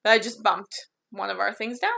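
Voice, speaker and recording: A woman's voice: mid-range voice, steady tone, moderate pace, creaky, sharp tone. A woman co-hosting a podcast in casual chat, agreeably chiming in. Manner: agreeable, chiming in with short replies. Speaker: podcast co-host.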